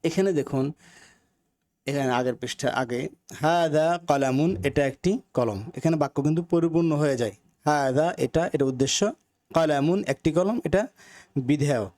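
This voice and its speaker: A man from Bangladesh teaches a recorded Arabic grammar lesson, carefully sounding out words and repeating phrases with their meanings so learners can follow. His voice is fairly high with a darkish tone, and he speaks at a normal speed.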